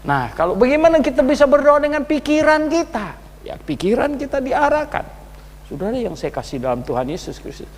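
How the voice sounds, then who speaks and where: A man's voice: very high-pitched, long reverb tail. An older man, a pastor preaching a sermon at a prayer meeting in a casual, conversational way with chuckling asides. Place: church prayer meeting hall.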